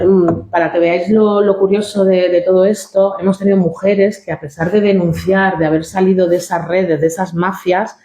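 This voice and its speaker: A woman's voice: lowish voice, mellow. A woman giving a spoken presentation for an organization, full of "eh" fillers and "¿no?" tags. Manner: frequent "eh" fillers and tag "¿no?". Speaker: NGO spokesperson presenting annual data. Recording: echoey room.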